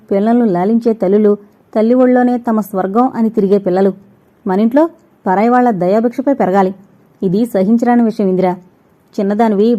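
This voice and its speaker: A woman's voice: medium pitch, dark tone, lightly acted. A woman reading a stern scolding husband. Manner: scolding, lecturing. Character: stern young husband, a doctor.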